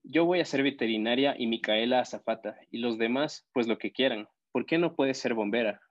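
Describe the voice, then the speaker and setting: A man's voice: medium pitch, moderate pace, close to an everyday voice. A man voicing an indignant schoolgirl who presses with repeated questions, in an audiobook story on a slightly dull recording.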